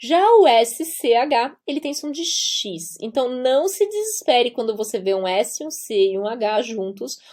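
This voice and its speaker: A Brazilian woman with a Brazilian Portuguese accent teaches German pronunciation in a patient, emphatic way. Her voice sits a little high. She repeats the key words and slows down to draw out each example sound. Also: expressive, a little mellow. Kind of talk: pronunciation lesson.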